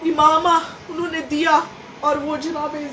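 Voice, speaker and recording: High-voiced woman orator in an echoey hall. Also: level tone, measured pace, sharp tone, slight background noise. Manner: impassioned, repetitive storytelling. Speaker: religious orator. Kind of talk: mourning-gathering sermon narration. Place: gathering hall. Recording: roomy hall with faint ambience.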